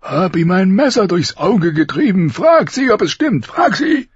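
A gruff, dying king with a strained, raspy, very rough voice that climbs high and swings wildly in pitch. He barks out harsh commands with fierce contempt. The sound is dull and dry, with no room around it. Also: sing-song, a little slow, no room sound, exaggerated voice. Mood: bitter, rough. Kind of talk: audiobook character voice.

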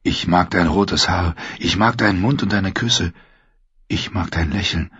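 A man voicing an earnest young man of a sworn guard, quiet and a little hesitant. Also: sits low, unhurried, slightly rough, no echo, dull audio, heavily acted.

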